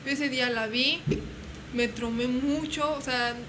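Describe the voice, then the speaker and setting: A young woman telling stories in casual chat, animated and acting out voices. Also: high-pitched, a little slow. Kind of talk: casual storytelling. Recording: noisy room.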